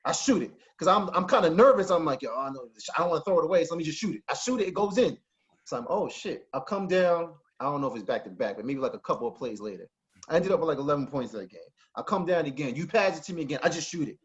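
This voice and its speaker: A man telling animated, profane stories in a casual podcast chat, often breaking into laughter. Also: a little high, fast talker. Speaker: podcast host. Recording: muffled lo-fi audio.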